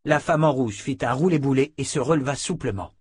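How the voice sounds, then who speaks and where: A man reading a fantasy novel aloud in calm, even scripted narration. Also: mid-range voice, fairly quick, husky, no room sound, studio quality. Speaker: audiobook narrator.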